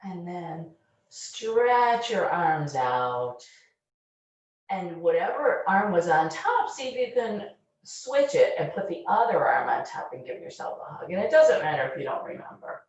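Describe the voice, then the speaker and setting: A woman leading a children's yoga class, giving gentle, encouraging step-by-step instructions. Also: lowish voice, big pitch swings, measured pace. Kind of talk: guiding a kids' yoga class. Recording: distant, very echoey, dull-sounding room recording.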